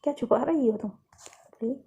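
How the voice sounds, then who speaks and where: A woman's voice: a little high, normal speed, dark tone, husky, lo-fi sound. A woman voicing a worried mother who scolds her daughter with pleading questions, in a read-aloud story. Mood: reproachful. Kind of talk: storybook reading.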